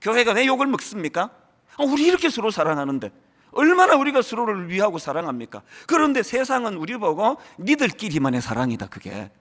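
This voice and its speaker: A man's voice: high-pitched, very animated, brisk, a bit bright. A middle-aged man from the Gyeongsang region preaching a sermon as pastor, acting out church members' remarks in mocking voices. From Gyeongsang region, South Korea.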